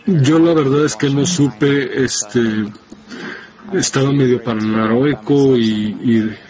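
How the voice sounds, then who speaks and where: A man talks slowly through a spoken testimony, pausing often and circling back to restart his phrases. His voice sits at a middle pitch. The recording sounds muffled and lo-fi. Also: darkish tone. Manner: halting, hesitant, many restarts. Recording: dull lo-fi sound.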